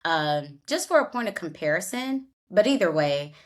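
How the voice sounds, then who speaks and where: Speaking at a normal pace in a lowish, sing-song voice, a female podcast co-host chats casually through a reality show recap. She retells the scenes and performs the quotes.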